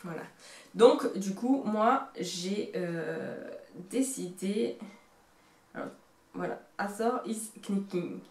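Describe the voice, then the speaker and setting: A woman's voice: mid-range voice, animated, slow, darkish tone. Chatty woman with a Marseille accent. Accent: Marseille French. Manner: rambling, self-mocking, hesitant. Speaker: knitting vlogger. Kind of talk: casual show-and-tell chat. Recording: roomy echo.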